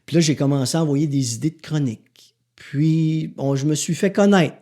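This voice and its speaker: A man's voice: on the high side, normal speed, mellow. A man with a Québécois accent hosting a podcast, speaking bluntly and sarcastically to the listener, with profanity. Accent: Québécois French. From Quebec. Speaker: podcast host. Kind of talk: motivational podcast monologue.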